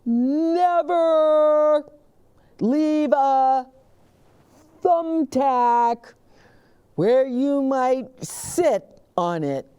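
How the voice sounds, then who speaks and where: A woman voicing an earnest male police officer in a storybook, reciting safety tips to children in a slow, emphatic, drawn-out delivery. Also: high voice, expressive, mellow, pitched above the performer's own voice, heavily acted. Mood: emphatic, instructive.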